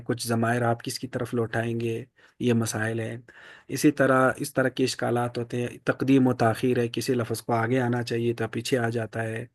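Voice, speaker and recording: A man giving a classroom lecture in an explanatory way, often pausing and restarting his sentences. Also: medium pitch, no echo, clean studio sound. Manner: explanatory, frequent fillers and restarts. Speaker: teacher.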